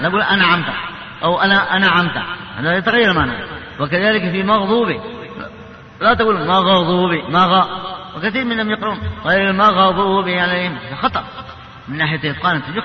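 High-voiced man teaching in an echoey hall. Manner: explains patiently, chants example verses slowly. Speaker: tajwid teacher. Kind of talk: classroom lesson on Quran recitation. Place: mosque. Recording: echoey, dull, slightly noisy hall recording.

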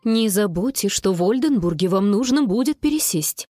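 A woman voicing a careful, worrying mother in a children's story, in a measured tone. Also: mid-range voice, animated, warm tone, no room sound, faint music behind, lightly acted. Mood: firm. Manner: measured, mildly worried.

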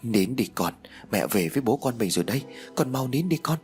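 A man voicing a worried young husband who speaks softly and soothingly to his child and wife. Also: mid-range voice, sing-song, a little fast, soft background music, close to an everyday voice. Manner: soft and soothing. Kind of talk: audiobook character voice.

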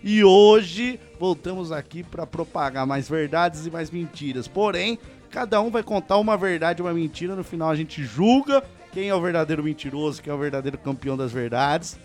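A man with a Brazilian Portuguese accent hosting a casual comedy podcast, loud and teasing, often breaking into laughter. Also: a little high, normal speed, few pauses, faint music behind. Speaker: podcast host.

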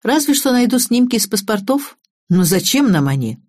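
A woman's voice: a little high, very animated, moderate pace, darkish tone, dry recording, studio quality, voice pushed up. A woman reading the part of a chatty, playful male hacker colleague in an audiobook.

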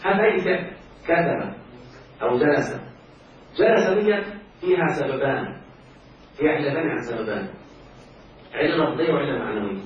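This Arabic grammar teacher, a man with an Egyptian accent, constantly quizzes his students on whether they're keeping up. He talks at a normal pace with frequent pauses, his voice expressive and pitched on the high side. Heavy room echo, a far-off mic, muffled tone, and faint hiss mark the recording.

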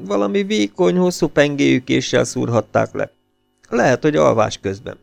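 A man reading an audiobook, voicing a calm, shrewd male detective who speaks matter-of-factly. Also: on the high side, gravelly, dry recording, soft background music, voice pushed up. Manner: dry, matter-of-fact delivery.

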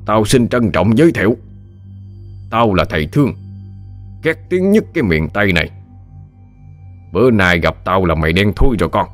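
A man's voice: on the low side, lively intonation, moderate pace, pauses often, faint music behind, natural voice. A man playing a boastful, hot-tempered older exorcist who swaggers and scolds.

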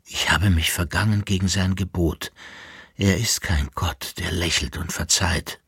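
A frightened young woman full of tenderness and guilt, read by a man in a low, husky, hushed voice. The pace is slow and unhurried, and the sound is dry and close to the mic. It comes from a storybook reading. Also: steady tone, dry recording, heavily acted. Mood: hushed, devoted. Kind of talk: audiobook reading.

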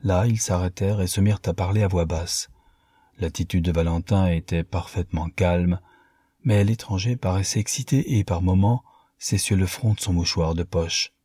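A man narrates a classic novel in a measured, literary way. His voice is very low and husky, with a dark, mellow tone. The recording is dry and close. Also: no echo.

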